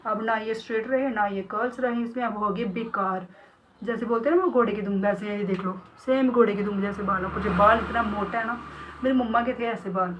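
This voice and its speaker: A woman's voice: medium pitch, steady tone, brisk, rough recording. A woman who runs a beauty salon, chatting casually in a vlog and talking straight to her viewers and her pet parrot. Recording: clear background noise.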